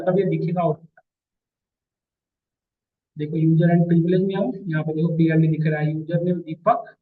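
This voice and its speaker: A man teaching a database class, calling students "beta" and checking that they follow. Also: high voice. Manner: addresses students as beta, asks checking questions. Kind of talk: classroom lecture. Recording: distant mic, phone-like lo-fi sound.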